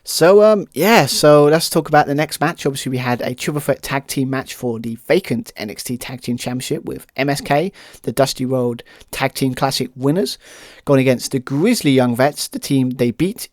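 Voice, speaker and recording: A man's voice: medium pitch, normal speed, no echo. Rambling enthusiastic man, dry sound. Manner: rambling, heavy use of "kind of" and "um". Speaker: podcast host. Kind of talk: solo casual review.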